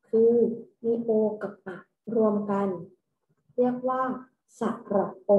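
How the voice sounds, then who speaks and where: Patient Thai kindergarten teacher, echoey room. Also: female voice, medium pitch, mellow. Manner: slow, patient, repeats each step for children to follow. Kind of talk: recorded homework lesson for small children.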